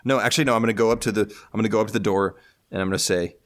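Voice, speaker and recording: Young man, low voice, jokey foul-mouthed player. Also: fairly even intonation, racing. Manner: swearing, jokey, laughs often. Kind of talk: playing a tabletop game, casual chat.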